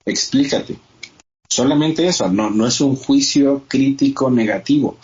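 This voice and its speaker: Podcast host, male, methodical casual explainer, mid pitch, slightly dull audio. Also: moderate pace, darkish tone. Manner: explains step by step, acts out quoted dialogue.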